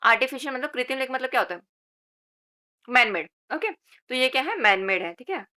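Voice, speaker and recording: Woman teacher drilling exam facts, keeps asking questions and repeating words, bright highish voice. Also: lively intonation, a little fast. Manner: repeats key words and quizzes the listener with rhetorical questions; mixes English words into Hindi. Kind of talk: Hindi general knowledge lesson with memory tricks.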